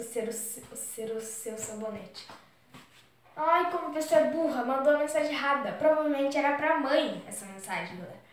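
Teen girl vlogger, high-ish voice, excitable and chatty, echoey room, off-mic. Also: far from the mic, a little hiss or hum. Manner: chatty, exclaims a lot, keeps saying "galera". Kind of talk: casual vlog, reading out messages.

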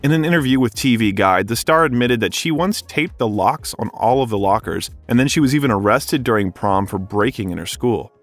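A man narrating a scripted biography documentary, reading smoothly with a steady, even delivery. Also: medium pitch, a little fast, few pauses, no room sound.

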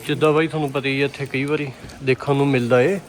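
A man's voice: medium pitch, flat delivery, fast, a little hiss or hum. A man with a Punjabi accent vlogging casually and joking heartily with his friends as he shops. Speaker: vlogger and cameraman. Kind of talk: casual shopping vlog chat.

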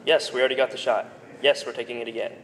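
A man's voice: mid-range voice, little pitch movement, rapid-fire. A man operating a camera and chatting casually with the people being filmed. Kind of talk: casual chat. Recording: noisy camcorder audio.

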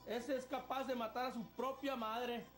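A folksy, defiant Mexican ranchero. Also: male voice, very high voice, level tone, moderate pace. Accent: Mexican Spanish. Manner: folksy, boastful, polite to captors. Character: stout rural Mexican man, proud and defiant. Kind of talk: low-budget film acting. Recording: film music clearly under voice.

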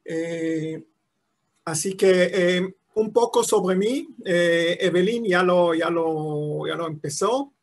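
A slow-paced man in his seventies from Israel lectures over a video call with slides, his pitch sitting a little high for a man. He speaks unhurriedly and often stalls on long "eh" fillers, restarting his phrases as he goes. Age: 70s. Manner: halting, many drawn-out "eh" fillers and restarts. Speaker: guest lecturer. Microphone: video call mic.

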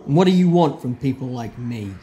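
An actor playing a clever, defiant time-travelling hero in an audio drama, with a deliberate, theatrical delivery. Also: male voice, medium pitch, expressive, warm tone, slight background noise, lightly acted. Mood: questioning.

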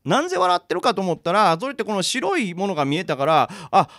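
A man telling a ghost story live in a bar, narrating dramatically and with suspense, building tension through pauses. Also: high voice, sing-song, fairly bright tone, no room sound, studio quality.

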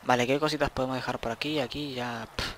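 A man's voice: mid-range voice, steady tone, fast, a bit bright, slight background noise. A young man, rambling casually to himself while commenting on his gameplay and swearing at the game now and then. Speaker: gaming channel host.

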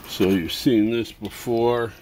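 Slow rambling middle-aged man, noisy camera audio. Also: medium pitch, fairly even intonation, darkish tone. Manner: rambling, halting, self-amused. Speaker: toy customizer vlogger. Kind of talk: casual show-and-tell vlog. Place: cluttered home workshop and garage. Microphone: handheld camera, filming first-person.

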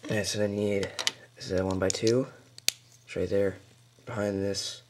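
Man, very low voice, casual tutorial, halting with fillers, camera mic at a table, noisy home video. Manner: relaxed, halting, lots of fillers and mild mutters. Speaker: toy building tutorial maker. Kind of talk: casual step-by-step build instructions. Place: indoors at a table.

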